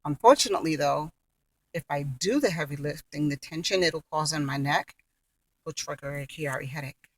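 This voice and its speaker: A woman's voice: sits low, normal speed, recorded from a distance. A middle-aged woman talking casually and candidly to camera as a vlogger, earnest and chewing gum as she speaks. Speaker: vlogger sharing her health journey. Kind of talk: casual personal talk to camera.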